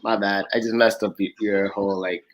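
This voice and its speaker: A man's voice: lowish voice, little pitch movement, fairly quick, a loud crowd. A man hosting a live stream in casual chat, teasing his co-host in playful banter. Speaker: host of the channel.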